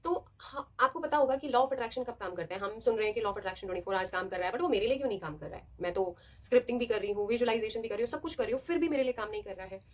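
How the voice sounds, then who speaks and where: A woman's voice: a little high, expressive, very fast, hardly any pauses. A young adult woman hosting a self-help video, talking casually and expressively and acting out little scenes as she explains. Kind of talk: casual motivational talk to camera.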